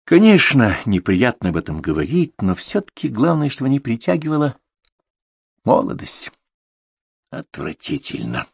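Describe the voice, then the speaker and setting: A man's voice: medium pitch, huge pitch swings, moderate pace, vocal fry, husky, dry recording, studio quality. A man narrating a confessional story in an intimate way, speaking to his son. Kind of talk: audiobook reading of a confessional novel.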